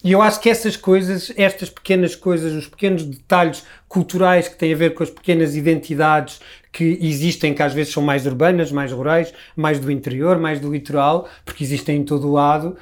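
This Lisbon man in middle age talks fairly quickly at a fairly high pitch with fairly even intonation, his Lisbon Portuguese accent audible. He is a guest in a relaxed, thoughtful chat and keeps starting over as he rambles.

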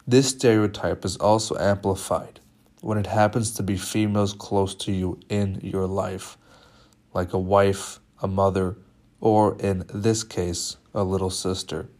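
A young man presenting a media studies film analysis in a measured, slightly halting way. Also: low voice, level tone, a little mellow.

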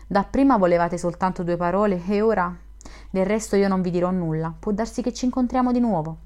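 A woman reading the part of a mysterious young woman in a classic novel, in a frank, gently teasing manner. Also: medium pitch, fairly quick, natural voice. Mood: guarded.

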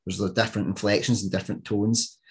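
A man's voice: lowish voice, fairly even intonation, fast, a little hiss or hum. A Scottish man hosting a podcast, chatting in a jokey way with frequent laughs and fillers. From Scotland. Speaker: podcast host. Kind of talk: casual podcast chat.

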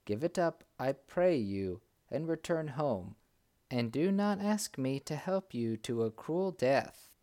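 A wise old dervish from a fairy tale, grave and cautioning, speaking slowly with a slightly raised pitch, as the narrator puts him on. His tone stays earnest and weighty. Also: lively intonation, warm tone. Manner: grave, warning.

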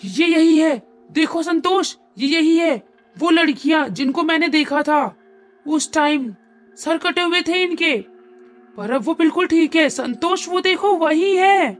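A woman's voice: high voice, a little slow, voice pushed up. A woman voicing a terrified young wife and mother who pleads through tears and screams in panic in a horror story. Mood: panicked screaming.

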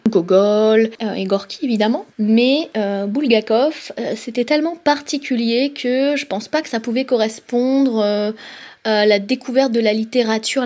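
A woman reviewing novels in casual book talk, pausing often with filler sounds. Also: mid-range voice. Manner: hesitant, many filler pauses.

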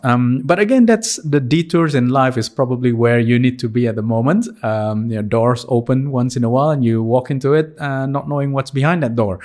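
A man in his forties who grew up in Singapore talks through his answers in an unhurried, reflective interview manner. His voice sits a little low, and he often pauses with fillers and restarts his sentences before landing on a point. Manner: thoughtful, with frequent hesitations and restarts. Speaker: surgeon guest.

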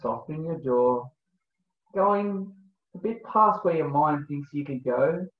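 A man working as a breathwork coach, leading a guided breathing meditation in spaced, instructional phrases. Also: fairly high pitch. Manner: slow, spaced instructional phrasing when guiding. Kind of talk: guided breathing meditation, then casual explanation. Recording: thin phone-like sound, roomy echo.

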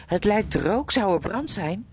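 A woman's voice: medium pitch, animated, measured pace, a little mellow. A woman voicing a curious, eager young boy who speaks in a questioning way, in a noisy recording.

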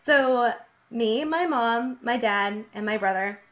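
Host: young woman, slightly high voice, giggly diary-reading chat, dull lo-fi sound. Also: takes it slowly. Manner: giggly, animated, laughs often between readings. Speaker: podcast host. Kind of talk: casual chat reading her childhood diary. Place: lives in New Jersey, grew up in Illinois. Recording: dull lo-fi podcast audio.

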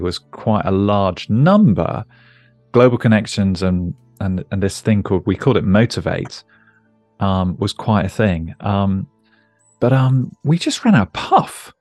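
A man's voice: lowish voice, darkish tone, no room sound. A man hosting a podcast interview, talking in a rambling, jokey, self-deprecating way. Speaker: podcast host. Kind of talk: casual conversational interview.

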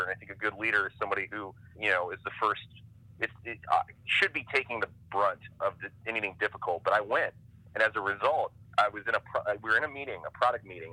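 A man from Ohio, a comic creator, telling stories as a podcast guest in a quick, animated way with lots of "like". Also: fairly low pitch, no echo, poor audio. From Ohio, USA. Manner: rapid, animated, heavy use of "like". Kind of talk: casual interview storytelling.

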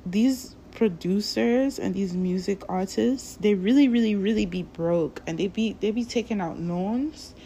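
A woman rants straight to her viewers in a slow, drawn-out and rambling way, swearing freely. Her voice is low, dark and gravelly with plenty of fry, and her words drag out at an unhurried pace. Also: slight background noise. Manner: profane, rambling, drawn-out delivery. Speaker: vlogger. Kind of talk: casual ranting monologue.

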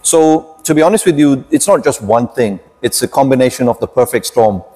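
Mellow, measured man in his fifties. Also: medium pitch, lively intonation. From United Kingdom. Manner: measured, reflective storytelling with frequent pauses. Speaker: podcast guest, entrepreneur. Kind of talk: podcast interview.

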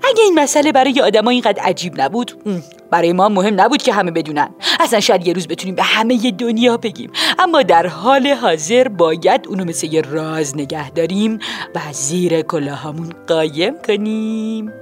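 A woman's voice: medium pitch, animated, faint music behind, natural voice. A woman voicing a motherly hyena mother in a storybook, fussing and soothing. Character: motherly hyena mum posing as human.

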